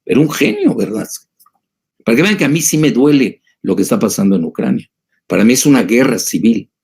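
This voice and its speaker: A man's voice: medium pitch, expressive, fairly quick, vocal fry, darkish tone, breathy edge. A man, an older analyst, answering audience questions in a digressive, emphatic lecture style with many filler sounds.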